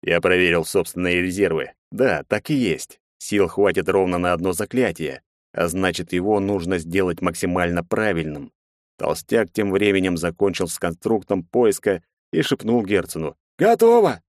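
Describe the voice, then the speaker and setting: A man narrating a first-person fantasy audiobook in a tense, measured way. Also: deep voice, dry recording, clean studio sound.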